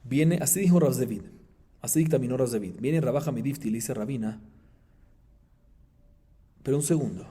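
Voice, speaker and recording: A man, a rabbi, teaching a Talmud class, explaining the text in an animated way with emphatic highs and chanting the Aramaic passages. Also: a little fast, long pauses, husky. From Colombia.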